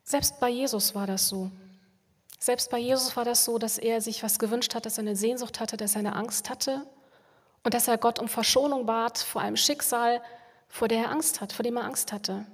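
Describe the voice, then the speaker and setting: A woman speaking as a pastor in a calm, reflective way, repeating phrases for emphasis. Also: fairly high pitch, moderate pace, slightly rough. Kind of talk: spiritual reflection on prayer. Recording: long hall reverb.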